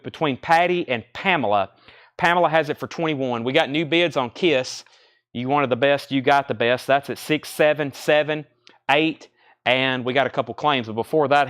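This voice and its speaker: A man's voice: medium pitch, moderate pace, fairly bright tone. A man hosting a live record sale like an auctioneer, calling out items, prices, bids and names in unscripted sales patter.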